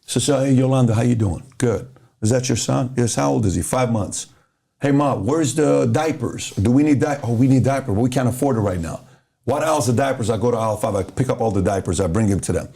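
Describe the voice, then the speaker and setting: A brisk, mid-range man's voice with some vocal fry. He's a middle-aged Iranian podcast guest telling motivational stories and animatedly voicing the characters' lines.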